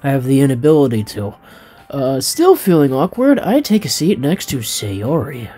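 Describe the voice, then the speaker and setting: Guy reading a visual novel out loud, joking around, cursing, tripping on words, mid voice. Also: medium pitch, wildly swooping pitch, moderate pace, slightly rough, soft background music. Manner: jokey, swears, trips over words. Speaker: let's play host.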